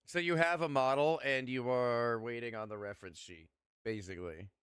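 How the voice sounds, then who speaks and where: A man's voice: medium pitch, normal speed, a bit bright, clear, resonant tone, dry recording, clean studio sound. A young man streaming, chatting casually and rambling with lots of fillers and the odd swear word.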